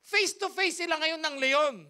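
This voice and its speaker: A woman's voice: high voice, normal speed, pushed and bright. A woman pastor, telling a story in a sermon with emphatic, repetitive, rhythmic phrasing. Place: church service.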